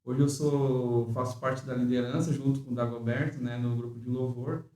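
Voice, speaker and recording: Older man, warm low-key timbre, halting chat, roomy distant sound. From Rio Grande do Sul, Brazil. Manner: relaxed, hesitant, many restarts and tag questions. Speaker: church bassist and worship leader. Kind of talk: casual chat. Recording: echoey room, distant mic.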